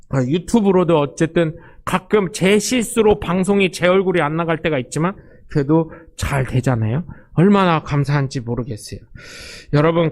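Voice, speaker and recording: A male pastor delivers a sermon in a lively storytelling way, acting out the lines of the people in his stories. His voice sits fairly high for a man. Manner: storytelling, animated, acts out quotes.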